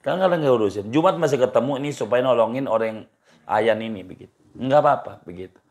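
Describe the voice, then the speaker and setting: A man's voice: mid-range voice, animated, quick pace, a little mellow. A man leads an informal religious study session. His talk is colloquial and easygoing, looping back over the same points and breaking into chuckles. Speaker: Islamic cleric answering questions.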